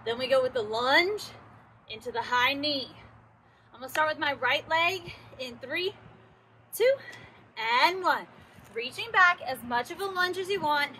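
A high, bright woman's voice as a woman leads a workout class, cueing moves and counting down the reps while she is out of breath from exercising too. She speaks in an unhurried way and keeps urging the class on, with faint traffic noise behind her. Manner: encouraging, counts down intervals, works out while talking. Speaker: fitness instructor.

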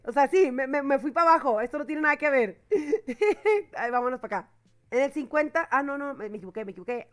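Chatty high-voiced Mexican woman. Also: fairly bright tone. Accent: Mexican Spanish. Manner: chatty, slangy, self-correcting, laughs often. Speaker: anime reaction youtuber. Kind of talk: casual reaction commentary.

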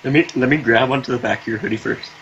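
A man's voice: medium pitch, fast, a bit bright, lo-fi sound, a little hiss or hum. A young man playing a game with a friend, joking around and bossing the moves. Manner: joking, bossy with directions. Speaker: co-player. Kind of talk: casual let's-play chat.

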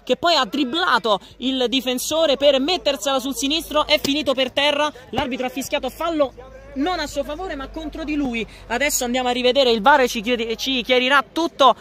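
A man giving excitable, breathless live football commentary. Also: very high voice, brisk. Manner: excitable, breathless running goal-action commentary. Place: outdoor floodlit football ground at night.

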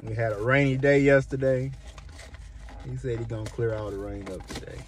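Laid-back male vlogger, mid-pitched, easygoing and chatty, repeats lines, faint traffic behind. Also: fairly even intonation, normal speed. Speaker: food reviewer. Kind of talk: casual product review vlog.

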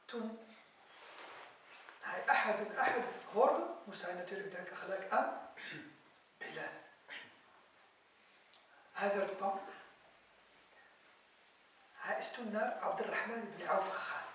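Male preacher, high-pitched, dramatic storytelling lecture recorded from afar in a reverberant mosque hall with faint noise. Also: takes it slowly, pauses often. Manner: storytelling, voicing quoted figures with swings in loudness. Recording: very echoey hall, distant mic.

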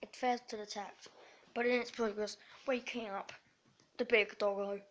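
A woman's voice: medium pitch, steady tone, moderate pace. A young woman narrating her dog at home as a playful parody of a nature documentary, with mock-serious commentary. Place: at home indoors.

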